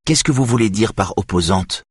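A man's voice: fairly low pitch, lively intonation, normal speed, slightly rough, no room sound, studio quality, voice pushed up. A man voicing an adult woman police officer who talks in an urgent, commanding way. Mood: questioning.

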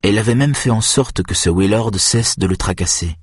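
A man narrating an audiobook in a steady, measured reading. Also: fairly low pitch, slightly rough, dry recording, clean studio sound.

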